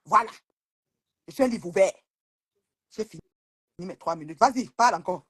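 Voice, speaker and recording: Husky woman rattling off fast on a live stream, scolding and blunt, close dry sound. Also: medium pitch, no echo. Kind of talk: heated live-stream chat.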